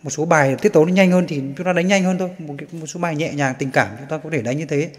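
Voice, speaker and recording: A man's voice: a little high, fast talker, in a large hall. A man giving a casual guitar lesson, patiently chanting the strum directions aloud. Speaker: guitar teacher.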